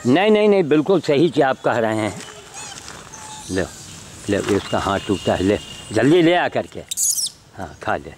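A man's voice: medium pitch, sing-song, moderate pace, pauses often, a little mellow. A man vlogging outdoors while handing out mangoes to animals, coaxing them, shooing them off and chatting to the camera. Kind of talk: outdoor handheld vlog narration. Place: outdoors, rural spot with animals.

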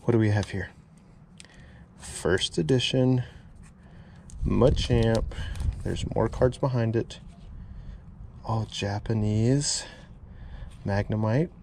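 Slow and warm, with vocal fry and long pauses, this man's fairly low voice narrates an excited unboxing vlog as he goes through a storage unit, repeating amazed exclamations. It's filmed on a head-mounted action camera, and there's a little hiss or hum.

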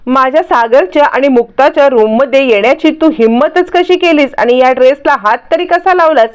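A woman's voice: sits high, brisk, muffled recording, close to an everyday voice. A woman reading a stern scolding mother-in-law.

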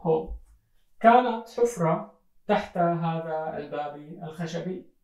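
A teacher telling a story slowly for learners, repeating each phrase and glossing words in English. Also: mid-range voice, darkish tone. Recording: roomy echo, voice from mic distance.

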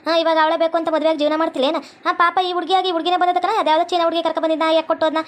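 Woman voicing a bossy north karnataka mother-in-law, lectures nonstop, super high and quick, flat tune. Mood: scolding. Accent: North Karnataka Kannada. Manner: lecturing, scolding. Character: bossy middle-aged mother-in-law, scolding. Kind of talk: cartoon comedy voice acting.

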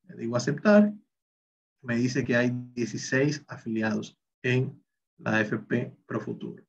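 A man's voice: medium pitch, steady tone, unhurried, creaky, far from the mic, slight background noise. A man teaching a recorded online spreadsheet class, explaining each step and talking through every calculation aloud. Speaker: Excel instructor. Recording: slightly dull, lo-fi recording.

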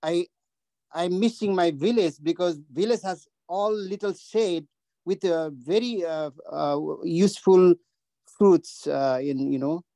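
Nepali accent guy on a video call, slow, lots of uhs, dry sound. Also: high voice, mellow, no echo. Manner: halting, many uhs and restarts. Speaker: audience member asking a question. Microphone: video call audio.

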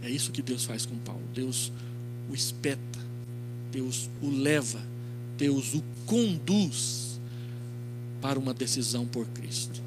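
Holding a microphone on an indoor church stage, a middle-aged Brazilian-accented pastor delivers an expository sermon full of stories, quoted dialogue, and rhetorical questions. His medium-pitched voice goes slowly, with long pauses. The audio is clearly noisy and carries mains hum.

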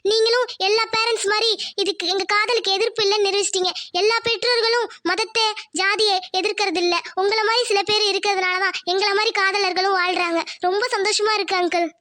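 A woman plays an earnest young cartoon bride with a very high, quick voice. She pleads sincerely and sounds close and dry. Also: fairly even intonation, bright, forceful tone, no room sound. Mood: grateful.

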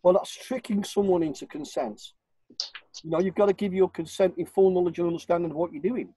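An older man from Warrington in northern England, with the accent to match, joins a home video call as a guest from his living room via webcam. His voice sits high and runs a little fast, warm and husky, and he speaks emphatically and insistently, repeating his points. The recording is dry and low in quality.

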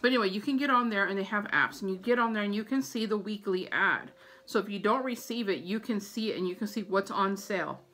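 Talking at a quick pace, a middle-aged American woman with a medium-pitched, fairly bright voice gives casual household tips to camera and repeats herself for emphasis. She's indoors in a small home room, recorded via phone or tablet camera at about arm's length.

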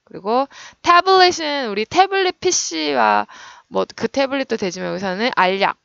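Gravelly, bright-voiced woman teacher. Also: sits high, expressive, no echo, highs cut off. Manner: explains meanings and stress, models pronunciation slowly. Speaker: English teacher. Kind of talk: online lecture explaining vocabulary.

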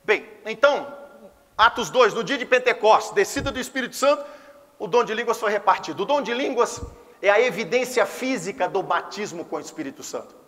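A man with a Brazilian Portuguese accent preaching a Pentecostal sermon as a pastor, impassioned, swinging between hushed and exclaiming passages. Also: high-pitched, expressive, fairly quick, long reverb tail. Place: church service.

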